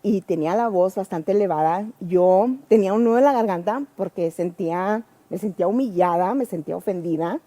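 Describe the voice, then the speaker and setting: A woman's voice: mid-range voice, a little fast, hardly any pauses, warm tone. A woman teacher and trainer telling a personal story to a class in an earnest, reflective way.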